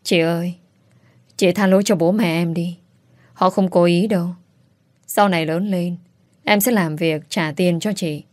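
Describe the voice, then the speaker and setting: A woman voicing a gentle teenage boy who pleads slowly through sobs, in an audiobook. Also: on the low side, fairly even intonation, no echo, studio quality, close to an everyday voice. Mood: tearful. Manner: sobbing, slow, pleading. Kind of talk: audiobook character voice.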